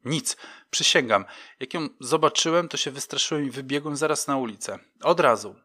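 A man's voice: medium pitch, moderate pace, sharp tone. A man voicing a timid, ashamed homeless man who speaks in a shaky, hesitant way in an audiobook. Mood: scared, pleading.

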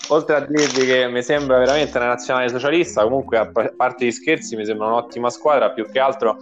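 Male host, chatty and teasing, mid-pitched, on dull audio over faint music. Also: steady tone, quick pace. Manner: teasing, joking. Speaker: host interviewing team staff. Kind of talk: casual sports banter.

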